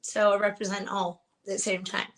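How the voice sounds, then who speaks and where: A woman's voice: medium pitch, flat delivery, brisk, poor audio. A woman from Scotland on a panel, speaking sincerely in casual chat.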